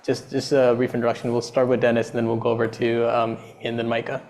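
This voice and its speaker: Flat-voiced young man facilitating a panel. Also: medium pitch, fast talker. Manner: friendly and welcoming. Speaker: panel facilitator, international student.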